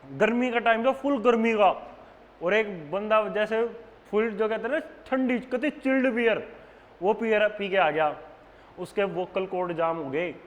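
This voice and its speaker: A young man with a high-pitched voice and a Haryanvi accent teaches a nursing exam class to online students at an unhurried pace. He's chatty and playful, calling them "beta." The lo-fi recording carries long classroom reverb and faint background noise.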